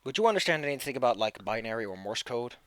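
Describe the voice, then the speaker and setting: A man's voice: mid-range voice, big pitch swings, fast talker, a bit bright, dry recording. A man narrating a tabletop game as game master, describing scenes to the players.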